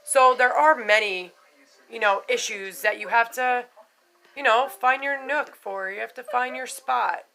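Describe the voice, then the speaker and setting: On a low-quality recording, a middle-aged woman vlogs casually and unscripted about her denture experiences. Her voice sits on the high side, a little slow, creaky, pushed and bright, and she's frank and chatty, swearing now and then and full of "you know" fillers.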